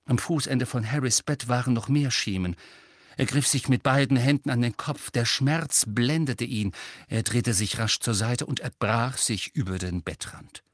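Male narrator, audiobook, measured dramatic reading, middle pitch, dry close sound. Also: no room sound. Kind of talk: scripted narration.

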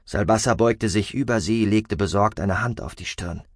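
A man narrating a science fiction audiobook in an expressive storytelling manner. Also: fairly low pitch, moderate pace, no room sound, studio quality.

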